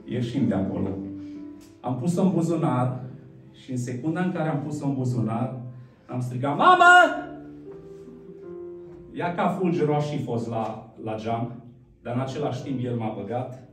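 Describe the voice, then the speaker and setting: Man telling a story in a roomy hall. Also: mid-range voice. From Romania, Cluj. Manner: animated, acts out childhood dialogue. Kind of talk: personal testimony storytelling. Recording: roomy, distant mic with soft guitar music.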